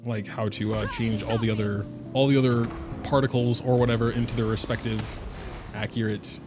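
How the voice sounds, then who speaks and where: A German game streamer, a native speaker with a German accent, rambles and thinks aloud in casual commentary while playing live. His medium-pitched voice is flat and moderately paced, with music in the background.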